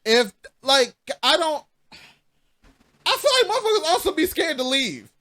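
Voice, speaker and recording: Man, high-pitched, casual podcast chat, blunt, profane, stop-start. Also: big pitch swings, moderate pace, pushed and bright. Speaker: podcast co-host.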